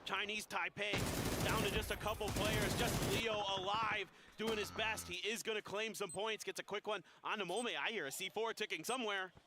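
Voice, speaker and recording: A man giving measured, analytical colour commentary on a live esports match. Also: sits high, steady tone, noisy background. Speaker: esports caster. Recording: game audio behind.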